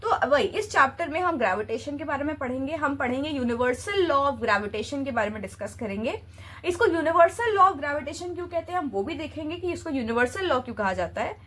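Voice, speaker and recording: Woman teacher, high voice, patient classroom explainer who poses questions and restarts phrases. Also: animated, moderate pace, fairly bright tone. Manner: explains step by step with rhetorical questions; mixes English terms into Hindi. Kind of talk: classroom physics lesson.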